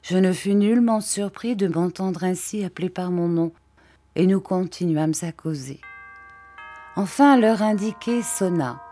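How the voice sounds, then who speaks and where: A woman narrating a classic tale aloud with a measured, expressive delivery. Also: lowish voice, soft background music. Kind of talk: literary story reading.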